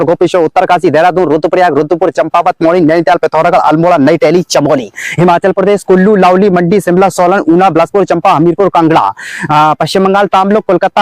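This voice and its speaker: A man's voice: high voice, no echo. A young man from central India reciting a memorised list of names in a nonstop run, as if all in one breath. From Madhya Pradesh, India. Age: young adult. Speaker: memory record performer.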